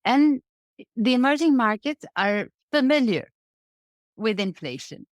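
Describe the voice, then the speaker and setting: A woman's voice: on the high side, animated, a little slow, no room sound. A woman from Bangladesh, a guest analyst explaining the economy in a conversational interview, often checking in with "right?". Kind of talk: interview answers on markets.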